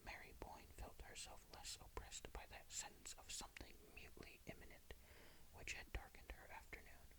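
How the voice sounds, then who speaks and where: Whispering breathily right up against the mic, a reader delivers a ghost story at a moderate pace in a hushed, suspenseful tone. The audio is rough.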